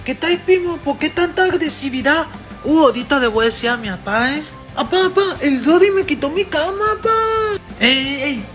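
A man doing a shrill, bratty boy. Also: expressive, fairly quick, fairly bright tone, soft background music. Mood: whiny. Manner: shrill, whiny, bragging. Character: bratty spoiled young boy, whiny and boastful.

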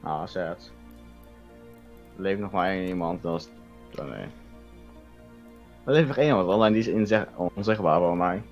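A man chatting casually while gaming, his voice run through a voice changer that makes it disguised and deep, swearing and reacting loudly to the game. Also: normal speed, long pauses, dull audio, faint music behind. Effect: voice changer making the voice disguised and deep. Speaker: gamer playing with friends.

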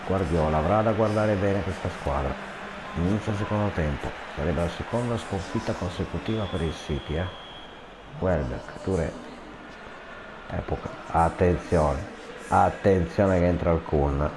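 A man giving amateur football commentary on a video game match, with casual asides and excited repeats of player names as attacks build. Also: sits low, normal speed. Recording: clearly noisy home recording.

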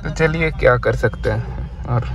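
A man giving casual, matter-of-fact road-trip updates while travelling in a car, talking in a relaxed, chatty way. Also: medium pitch, a little slow. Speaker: travel vlogger. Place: inside a moving car on a highway. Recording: dull lo-fi car recording, loud road noise. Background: loud road and engine noise.

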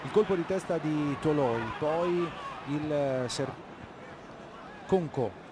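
A man commentates live on a football match in a fairly high voice. He calls the play in clipped phrases, player by player. Very loud stadium ambience runs behind him. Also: slow, background noise.

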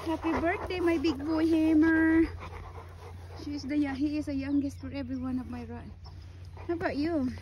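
A woman's voice: high-pitched, fairly even intonation, moderate pace, darkish tone, slight background noise. A woman vlogging with her dogs, talking to them in a coaxing, sing-song way. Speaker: dog owner vlogger. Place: outdoors at home with dogs.

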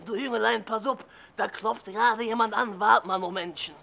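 A man's voice: sits high, fairly even intonation, brisk, gravelly, sharp tone, exaggerated voice. A man voicing a leering, lecherous older man on the phone, with a relishing way of talking. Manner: drawling, relishing, coos "Jüngerlein".

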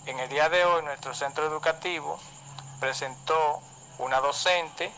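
A man's voice: fairly high pitch, fairly even intonation, moderate pace, pushed and bright, slight background noise, low-quality recording. A male school director with a Dominican accent, heard in a phone voice message played on air, making a stiff official announcement. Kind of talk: formal announcement.

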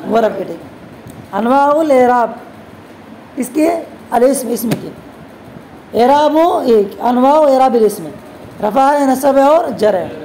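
A woman teaching a classroom grammar lesson, constantly posing quick questions to her students and answering them herself. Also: sits high, animated, mellow, a little hiss or hum, poor audio. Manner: addresses students as "beta". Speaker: religious teacher.

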